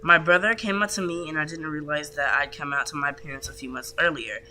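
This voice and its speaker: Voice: medium pitch, quick pace, pushed and bright. A livestream co-host chatting casually, candid and chatty, who stumbles over words while reading stories aloud. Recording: noisy stream recording.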